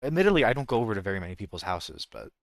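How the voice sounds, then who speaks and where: This American game streamer keeps things loose and jokey in his livestream chat, rambling and frequently backtracking mid-thought. He comes from the United States and speaks in a fairly low, sing-song voice at a racing pace, captured in studio quality with no room sound.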